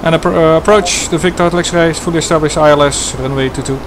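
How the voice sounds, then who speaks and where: A man, an airline pilot talking through a cockpit headset in brisk aviation phraseology. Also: on the high side, steady tone. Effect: pilot speaking through a cockpit headset. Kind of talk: cockpit radio calls. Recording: loud cockpit hum behind the voice.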